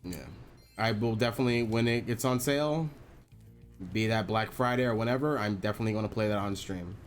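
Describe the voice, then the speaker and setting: A man's voice: lowish voice, fairly quick, faint music behind. A man streaming a video game, chatting casually and joking, laughing often and echoing his co-host. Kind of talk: casual chat over gameplay.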